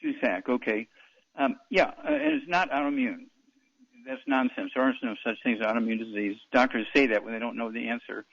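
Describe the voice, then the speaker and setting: A man's voice: medium pitch, animated, a little fast, creaky, no echo, highs cut off. A man hosting a call-in radio advice show, blunt and dismissive, often interrupting callers. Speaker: radio talk show host.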